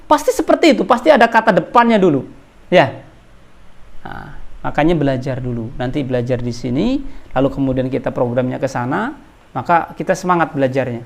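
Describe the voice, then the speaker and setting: Gravelly-voiced man giving a casual religious talk. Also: medium pitch, a little fast. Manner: chatty, addresses listeners as Pak, animated rises and drops. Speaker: religious teacher. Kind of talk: informal religious study talk. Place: outdoors on a palm oil plantation.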